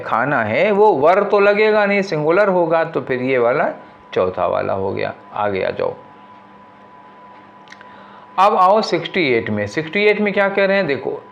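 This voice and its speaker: A male English teacher walking through an exam paper, explaining in Hindi, reading the English options slowly and asking rhetorical questions as he goes. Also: a little high, muffled recording. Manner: conversational, asks rhetorical questions. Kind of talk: exam paper walkthrough lesson.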